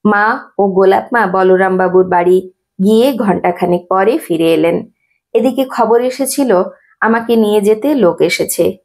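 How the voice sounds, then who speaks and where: Woman narrator for a devotional memoir reading, steady and reverent, with a gravelly texture. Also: mid-range voice, unhurried.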